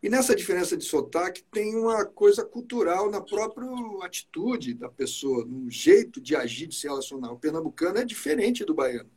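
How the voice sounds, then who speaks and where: A man from Espírito Santo, Brazil, with a capixaba Portuguese accent chats casually over a video call, often repeating words as he starts a sentence. His voice sits high, animated, a little mellow and slightly rough, moving a little fast with few pauses.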